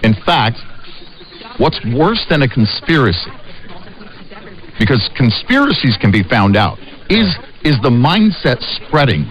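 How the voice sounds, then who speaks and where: An American man co-hosting a conversational political talk radio show, speaking emphatically with halting restarts and repeated short phrases. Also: medium pitch, very animated, a bit bright. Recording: dull, band-limited radio sound.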